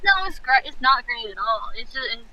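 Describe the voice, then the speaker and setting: A woman guest chatting casually over tinny phone audio, with quick exclamations. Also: fairly high pitch, pushed and bright. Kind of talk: casual chat. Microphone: phone away from her. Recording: tinny phone held far off, faint noise.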